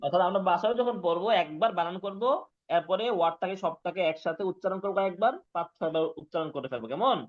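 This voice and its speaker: A man teaching Quran reading in an online class, patiently spelling out syllables slowly and repeating each word. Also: high voice, lo-fi sound. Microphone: online class call mic.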